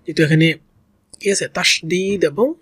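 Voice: medium pitch, moderate pace, a bit bright, slightly rough, no echo. A reading teacher in a step-by-step lesson, sounding out syllables one at a time, repeating each and drawing out the long vowels. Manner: patient, repeats each syllable several times.

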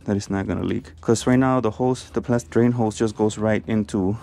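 A man with a lowish voice narrates a service call as he works, explaining each step in a relaxed, rambling way. He is slightly out of breath from wearing a mask. Faint background noise sits under his voice. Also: brisk, vocal fry. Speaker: HVAC technician. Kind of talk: casual how-to narration while working. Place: house basement and yard, on a service call.

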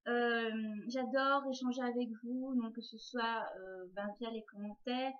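A woman book blogger chats through her yearly review in a casual vlog, her voice sitting a little high. She keeps stopping to hesitate and repeat herself. The recording sounds dull and lo-fi. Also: steady tone, measured pace. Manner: chatty, with frequent hesitations and repeated words.

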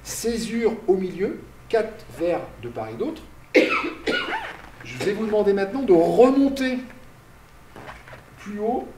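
A male university lecturer giving a public lecture, speaking slowly, explaining step by step, asking and answering his own questions, and calling for the next slide aloud. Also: high-pitched, huge pitch swings, noisy background. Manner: directs slide changes aloud. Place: lecture hall. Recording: roomy, distant lecture hall recording.

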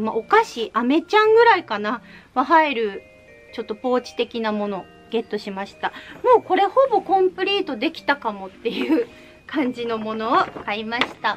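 A woman chatting cheerfully in a casual haul video, showing off things she bought with playful little reveals. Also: on the high side. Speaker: vlogger showing recent purchases.

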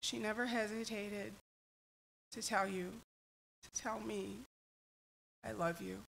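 Slow, gravelly woman giving a eulogy. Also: mid-range voice, steady tone, a bit bright, a little hiss or hum, poor audio. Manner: slow, heartfelt tribute. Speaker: eulogy speaker, child of the deceased. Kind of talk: memorial eulogy. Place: church memorial service.

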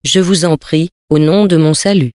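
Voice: mid-range voice, steady tone, moderate pace, darkish tone, dry recording, clean studio sound, natural voice. A reader voicing a flustered, pious elderly country priest who stammers in alarm, in a storybook reading.

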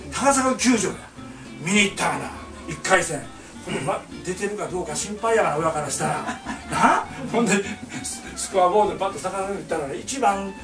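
Lively older man spinning a Kansai tale. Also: high-pitched, echoey room, far from the mic. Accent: Kansai Japanese. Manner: animated, acts out voices, laughs through lines. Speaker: painter telling stories to a small audience. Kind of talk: comic storytelling monologue.

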